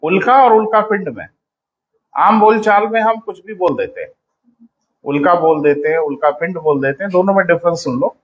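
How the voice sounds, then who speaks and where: A man's voice: high-pitched, animated, normal speed, dull audio. A man teaching in a coaching class, lecturing students sternly and calling them "beta" as he explains.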